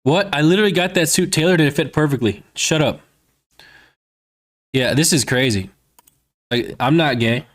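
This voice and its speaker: A man's voice: fairly high pitch, moderate pace, pauses often. Rambling man in his thirties streaming. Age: 30s. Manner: rambling, fills talk with "man" and "you know". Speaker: livestreamer reading chat. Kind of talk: casual stream chat.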